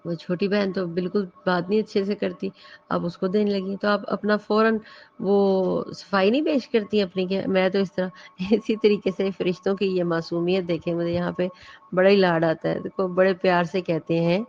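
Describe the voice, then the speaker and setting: A woman lecturing on scripture in an easy, conversational manner, reciting verses and slipping in English words. Her voice sits at a middle pitch. The recording is muffled and lo-fi, with soft music faintly in the background. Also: little pitch movement. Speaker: Quran teacher. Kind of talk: religious lecture explaining scripture. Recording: dull lo-fi audio with faint music.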